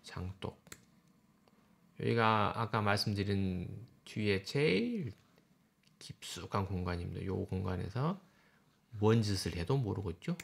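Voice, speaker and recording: A man's voice: on the low side, animated, a little slow, creaky, long pauses, husky. A male university professor giving a classroom lecture, walking through slides and pointing things out with short explanatory remarks.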